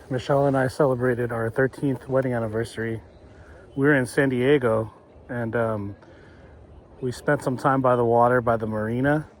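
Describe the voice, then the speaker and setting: A man in his thirties talking casually to the camera while fishing at a lake, relaxed and thinking out loud. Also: medium pitch. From California. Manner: relaxed, thinking aloud, chuckles. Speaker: fishing vlogger. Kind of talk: casual vlog narration. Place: outdoors at a lakeshore. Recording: faint outdoor noise.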